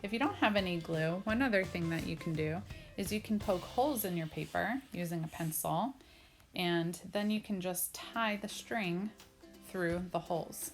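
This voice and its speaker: With music playing behind her, a woman who teaches art narrates a kids' craft tutorial, breaking it down simply step by step. Her voice is on the low side, at a moderate pace.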